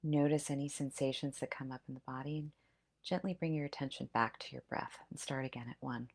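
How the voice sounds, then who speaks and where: A woman guiding a slow breath-counting meditation, giving gentle, quiet instructions with pauses. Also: a bass voice, steady tone. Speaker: meditation guide.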